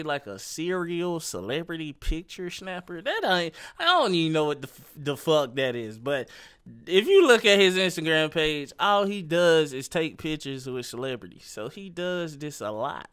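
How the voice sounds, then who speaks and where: A man's voice: fairly high pitch, a bit bright, clear, resonant tone. A young man hosting a casual celebrity gossip commentary video, talking loosely with lots of slang straight at the viewer. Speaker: YouTube commentary host.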